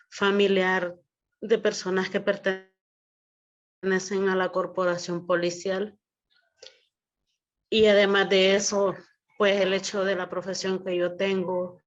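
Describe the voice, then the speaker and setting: Slow, flat-voiced woman. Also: fairly low pitch. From El Salvador. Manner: slow, measured, earnest. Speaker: guest giving testimony. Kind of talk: personal testimony. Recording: dull lo-fi audio.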